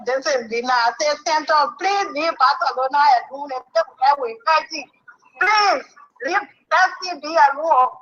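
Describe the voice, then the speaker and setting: A woman caller speaking over the phone line in an excited, pleading way. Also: high-pitched, normal speed.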